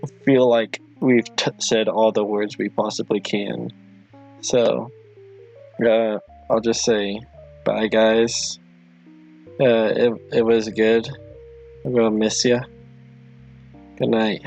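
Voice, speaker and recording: Dude rambling to his chat, slow and kinda apologetic, soft guitar music in the back. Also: fairly low pitch, level tone, creaky. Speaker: livestream host. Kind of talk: casual livestream chat.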